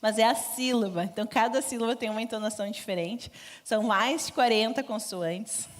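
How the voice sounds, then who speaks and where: A woman's voice: fairly high pitch, brisk. A woman giving a conversational church mission talk, informal and laughing often. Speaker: missionary speaker. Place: church stage.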